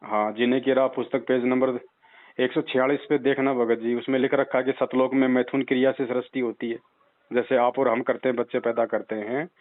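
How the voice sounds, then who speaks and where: Over a tinny, narrow phone line, a religious adviser takes a follower's call and counsels him persuasively, speaking insistently and admonishingly while repeating points for emphasis. His voice is medium-pitched with little pitch movement and a brisk pace.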